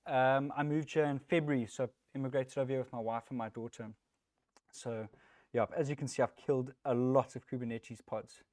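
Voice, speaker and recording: A South African technical lead in his thirties gives a relaxed, chatty, self-deprecating talk at a developer meetup, with lots of ums. His voice is medium-pitched and fairly quick, captured at studio quality with no echo in the meetup room.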